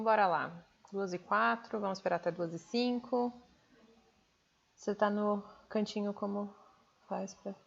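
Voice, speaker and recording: Fast-talking Brazilian woman hosting a live stream. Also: mid-range voice, vocal fry, a bit bright, muffled recording. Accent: Brazilian Portuguese. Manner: fast, hurried talker. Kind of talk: casual live stream chat.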